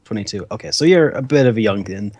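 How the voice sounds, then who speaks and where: A man's voice: lowish voice, animated, quick pace, a little mellow, breathy edge, no echo. A man in his late twenties on a podcast, chiming in with short, dry jokes. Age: 20s. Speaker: podcast panelist. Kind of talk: casual chat.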